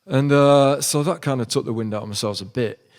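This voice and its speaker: Guest, man, mid-pitched, rambling anecdotal storyteller, lots of ums. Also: a little fast. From Yorkshire, England. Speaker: podcast guest, comedian-poet. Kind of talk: casual storytelling chat.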